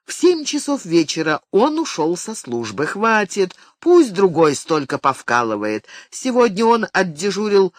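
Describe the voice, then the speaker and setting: An audiobook narrator reading a novel aloud, with expressive, animated delivery. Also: mid-range voice, measured pace, hardly any pauses, dry recording, studio quality. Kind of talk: scripted narration.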